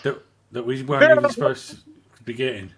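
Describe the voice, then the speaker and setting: A man's voice: mid-range voice, huge pitch swings, brisk, a crowd in the background. A man co-hosting a casual live stream chat, upbeat and asking the others questions.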